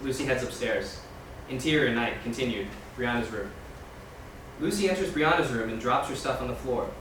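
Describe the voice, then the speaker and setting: At a table read, a man with a mid-range voice reads screenplay scene directions aloud at a moderate pace as scripted narration. The recording is noisy, from a distant mic in a very echoey room.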